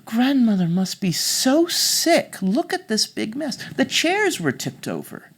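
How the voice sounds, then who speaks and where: A woman's voice: a little high, big pitch swings, unhurried, husky, pitched above the performer's own voice, exaggerated voice. A woman voicing a kind, worried little girl in a storybook tale, earnest and questioning. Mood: caring, worried.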